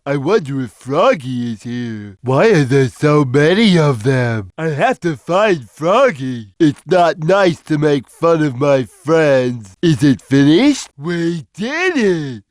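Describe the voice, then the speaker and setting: A man voicing a big, gentle, slow-witted cartoon cat in a video game, with a simple, drawn-out, childlike, friendly delivery. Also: fairly high pitch, big pitch swings, dry recording. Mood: gentle, plain.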